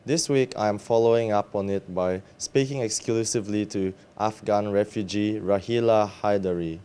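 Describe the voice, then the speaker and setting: A male reporter reading a scripted introduction in a measured, formal way. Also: fairly low pitch, dark tone, smooth.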